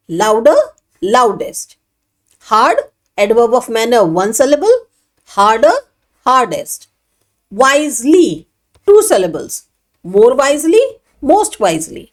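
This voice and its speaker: A woman teaches a grammar lesson in a patient, emphatic way. Her voice sits high and moves through a wide, lively pitch range. She speaks slowly, stretching out each example. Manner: patient, mixing Hindi explanation with English examples, slow and emphatic. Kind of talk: explanatory lesson.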